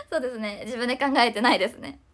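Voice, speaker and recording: A young woman, chatting fast and casually on a livestream, reading viewer comments and often apologizing. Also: on the high side, heavy background noise.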